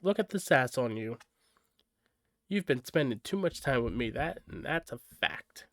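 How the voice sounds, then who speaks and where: Salty old granny who curses and scolds, as a male reader puts her on, loud, rough, storybook reading. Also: mid-range voice, lively intonation, measured pace, no echo, clean studio sound. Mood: gruff teasing. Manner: brash, cursing, mock-scolding. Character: gruff, salty old grandmother, teasing.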